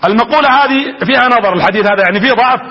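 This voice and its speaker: Male preacher, very high bright voice, fervent storytelling lecture. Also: rapid-fire, lo-fi sound. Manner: fervent, addresses the audience directly.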